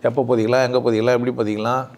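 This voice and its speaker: A man's voice: medium pitch, flat delivery, rapid-fire. A man giving an informal talk, bluntly questioning his listeners and answering his own questions. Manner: blunt, teasing, asks the audience questions and answers them himself. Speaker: speaker at a spiritual gathering. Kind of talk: informal lecture with rhetorical questions.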